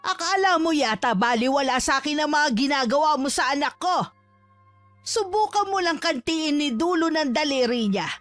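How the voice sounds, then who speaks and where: A woman plays a fierce mother defending her child, scolding sharply in a raised, high voice. Faint music runs underneath the drama. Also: normal speed, fairly bright tone, dry recording. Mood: furious. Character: fierce protective middle-aged mother. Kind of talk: audio drama acting.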